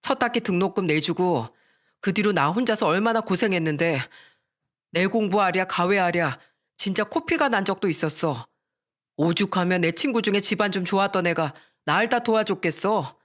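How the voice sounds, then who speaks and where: A woman's voice: medium pitch, normal speed, close to an everyday voice. A woman voicing an earnest, resolute young man who is a doctor-to-be groom.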